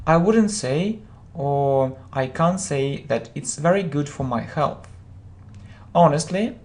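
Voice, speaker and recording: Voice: medium pitch, darkish tone. English teacher going through phrases, reads a sentence then breaks it down, keeps asking "yeah?" "okay?". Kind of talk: spoken vocabulary and grammar lesson.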